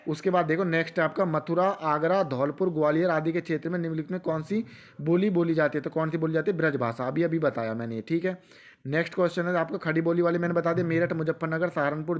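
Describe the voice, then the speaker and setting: A man teaching an exam-prep lesson with a western Uttar Pradesh accent, asking quiz questions and answering them himself, repeating each answer for emphasis. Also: fairly high pitch. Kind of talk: rapid quiz-style lecture.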